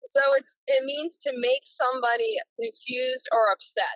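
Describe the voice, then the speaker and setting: A woman's voice: high voice, moderate pace, dry recording. A woman co-host calling in on speakerphone, chatting casually and a little hesitantly. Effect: heard over a phone on speakerphone. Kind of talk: casual chat. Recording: dull lo-fi phone line.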